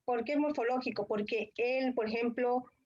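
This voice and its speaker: A woman's voice: a little high, normal speed, a little mellow, dull audio, a little hiss or hum. Hesitant woman student on a video call. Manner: hesitant, many fillers. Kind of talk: clinical role-play practice.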